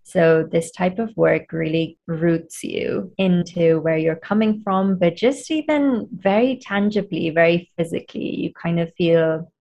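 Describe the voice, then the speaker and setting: A woman guest in an interview, a coach explaining her work in a thoughtful, measured way. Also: fairly low pitch, gravelly, darkish tone. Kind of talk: conversational interview.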